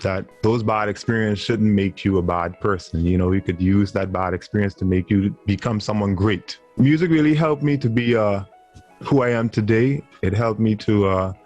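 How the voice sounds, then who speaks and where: Soft music plays behind a young Bahamian man, in his twenties, chatting casually as an earnest video-call interview guest who laughs readily. He speaks at a moderate pace, his voice on the low side with a darkish tone and the highs cut off.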